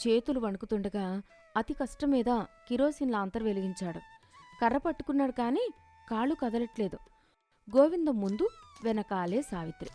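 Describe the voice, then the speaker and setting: Woman narrating a kids cartoon story, dramatic, kinda high voice. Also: a little mellow.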